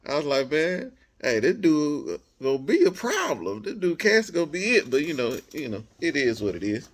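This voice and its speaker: A fairly high-voiced American man, talking at normal speed, shares a personal anecdote casually. The delivery is animated and slangy, with dialogue acted out as the story unfolds.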